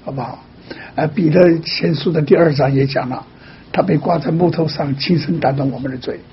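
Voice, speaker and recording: A man with a slightly high voice counsels a caller in a patient, teaching way. He lays out each point slowly and keeps softly checking in. The sound is muffled and lo-fi. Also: slight background noise. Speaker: pastor answering a caller. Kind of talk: pastoral counseling.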